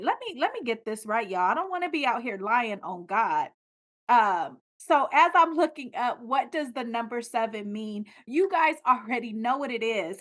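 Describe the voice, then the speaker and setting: A woman's voice: fairly high pitch, fairly bright tone. A woman from California hosting a faith podcast, speaking with fervent, emotional, celebratory energy and calling her listeners "y'all". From California, USA. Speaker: podcast host.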